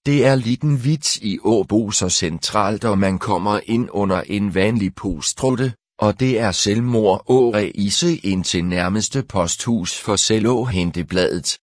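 A man's voice: on the low side, few pauses, no echo, studio quality, natural voice. A man reading the lines of an eccentric, brooding male survivalist who turns preachy and doom-laden. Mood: indignant.

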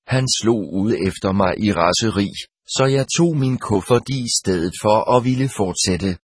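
A man narrating an audiobook in the first person, in a steady, measured reading. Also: fairly low pitch, husky, no room sound, studio quality.

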